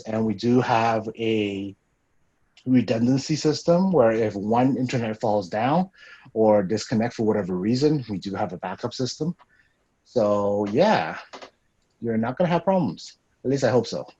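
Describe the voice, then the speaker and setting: A male staff member guides a live virtual campus tour, answering questions in an explanatory manner, slightly winded from walking and leaning on "um" and "so." His mid-range voice has a darkish tone and a breathy edge, and the recording sounds muffled.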